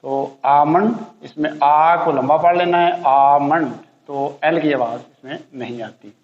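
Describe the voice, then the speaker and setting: A man teaching English pronunciation to beginners, slowly repeating each word many times. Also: a little high. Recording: roomy, echoey, dull lo-fi sound.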